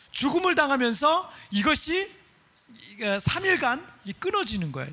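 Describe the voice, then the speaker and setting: A male pastor preaching a sermon in an animated way. He asks the congregation rhetorical questions and explains pictures shown on a screen. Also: very high voice.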